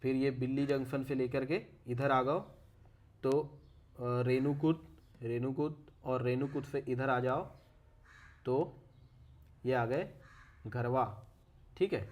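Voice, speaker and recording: A man's voice: medium pitch, steady tone, slow pace, long pauses, darkish tone. Male explainer, casual and chatty, repeats "okay" between points, catches and fixes his own slips, calls the viewer "brother.". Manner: keeps saying "okay" and corrects his own pronunciation. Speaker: educational video creator. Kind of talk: casual walkthrough of a map.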